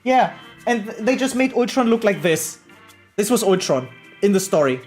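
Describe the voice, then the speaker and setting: Faint music plays behind this woman streamer as she chats about games in a mid-range voice at a moderate pace. Opinionated and animated, she curses freely and keeps asking her audience rhetorical questions to check in.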